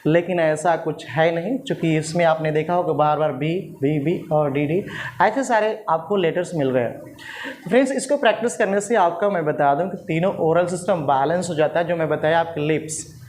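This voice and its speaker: A man teaching spoken English in a patient lesson style, repeating drills slowly and calling his viewers friends, standing at a writing board. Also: fairly high pitch, darkish tone, slight background noise. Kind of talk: classroom-style language lesson.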